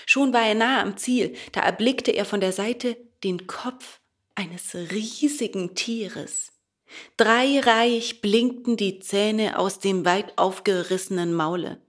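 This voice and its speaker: A woman reading a children's fairy tale aloud in a slow, expressive storytelling manner. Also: medium pitch.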